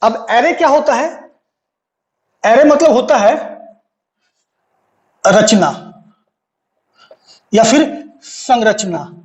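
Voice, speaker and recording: Guy teaching maths, slow and patient, plays both teacher and student. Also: very high voice, animated. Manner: slow, explanatory, asks and answers his own questions. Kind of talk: classroom lecture.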